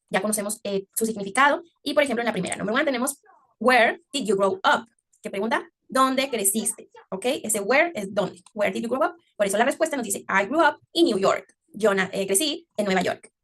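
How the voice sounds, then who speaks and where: A woman teacher explaining English grammar in Spanish, often checking understanding with a quick "ok?" and slowing down to stress English words. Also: on the high side, a bit bright. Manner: slows down to exaggerate English pronunciation. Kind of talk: online English class taught in Spanish.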